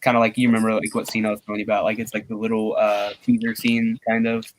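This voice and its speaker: A man's voice: fairly low pitch, completely flat delivery, quick pace, slight background noise. A young man co-hosting a casual livestream chat, rambling with many fillers. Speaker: livestream co-host.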